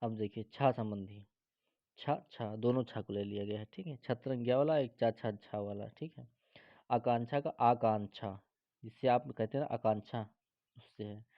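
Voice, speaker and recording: A man's voice: mid-range voice, moderate pace. A male teacher works through spelling drills, saying each word twice and asking his students if they follow. The recording is dull and dry, with no room echo. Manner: reads word pairs aloud, repeats each, adds "ठीक है?". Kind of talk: spelling lesson for exam students.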